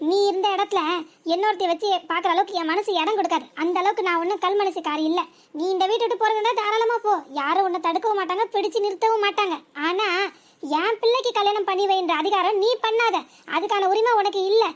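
A woman voicing a sharp-tongued old village mother-in-law in a cartoon, with a southern Tamil Nadu accent. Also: extremely high pitch, quick pace. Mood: stern. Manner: scolding, mocking, dramatic.

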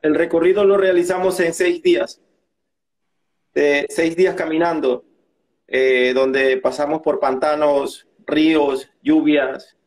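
A young man with a Venezuelan accent giving his testimony as a migrant and content creator in an interview, talking haltingly with many restarts. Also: fairly high pitch, steady tone, darkish tone, rough recording. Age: young adult.

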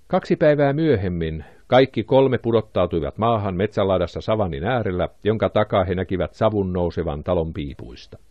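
A man's voice: sits low, animated, few pauses, no room sound, lo-fi sound. A man reading an audiobook aloud, lifting his voice for the characters' lines. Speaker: audiobook narrator. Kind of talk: audiobook narration.

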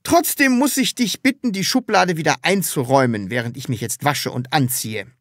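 A woman's voice: low-pitched, animated, normal speed, dry recording, clean studio sound, voice pushed up. A woman voicing a timid, earnest grown man in an audiobook, talking in a way that is easily flustered. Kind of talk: audiobook character reading.

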